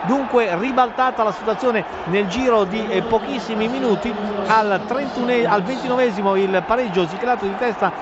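A man calls football goals live, breathless and excited, in a high voice. The sound is a dull broadcast feed with a loud crowd and clear noise around him. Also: fairly quick. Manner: breathless, excited, urgent delivery. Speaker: football radio commentator. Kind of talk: live goal commentary. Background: stadium crowd noise.

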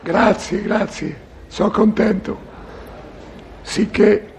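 A slow-witted, soft-hearted old-school boxer from a comedy sketch in broad Roman dialect. His voice sits high and crackles with fry, halting and muddled, over faint noise. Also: full character voice. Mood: earnest, confused. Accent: Roman Italian dialect. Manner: slow-witted, halting, repetitive, easily confused. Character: dim, sentimental, punch-drunk retired male boxer. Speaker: comic character. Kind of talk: comic sketch dialogue.

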